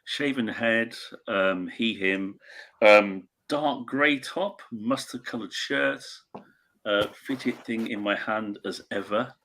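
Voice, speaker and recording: A man in his late fifties, in his 50s, co-hosts from a small indoor home room or shed, talking casually over a webcam on a video call. His lowish voice is a bit bright and he takes it slowly, rambling, interrupting himself and drifting off on tangents.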